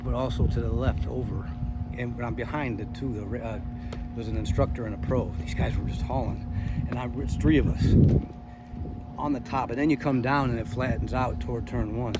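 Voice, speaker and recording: Breathless excited man at a racetrack. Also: mid-range voice. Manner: breathless, exclamatory, rambling. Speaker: vlogger and amateur track rider. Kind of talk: excited casual vlog talk. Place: outdoors at a racetrack garage area. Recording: loud outdoor noise.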